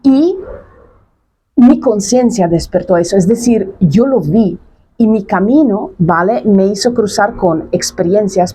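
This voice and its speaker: Speaking straight to camera, a coach in her thirties delivers a casual monologue in a warm, mid-range voice. She's emphatic and blunt, repeats her points, and drops slang, with slight noise in the background.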